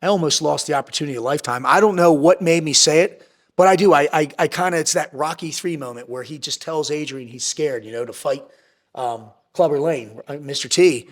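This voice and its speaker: A fairly high-pitched man talks in a blunt, fired-up way, peppering every thought with profanity and repeating lines for punch. He lurches between quick bursts and slower, drawn-out phrases, like a podcast guest laying it all out. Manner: blunt, intense and heavily profane, with emphatic repetition. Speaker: podcast guest, entrepreneur and former Navy SEAL. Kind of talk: candid podcast interview.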